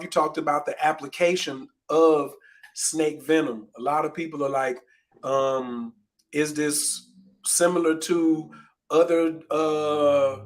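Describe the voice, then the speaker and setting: A man hosting a casual livestream, easygoing and greeting viewers in the chat. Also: on the high side. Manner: easygoing, gives viewers shout-outs. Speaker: host.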